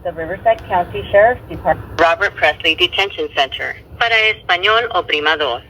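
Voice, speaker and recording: A recorded phone message plays from an automated phone menu over a phone speaker. The voice is bright and crisp, with slow, even, formal prompts, and faint noise sits behind it. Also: medium pitch, rough recording. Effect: recorded phone message played over a phone speaker.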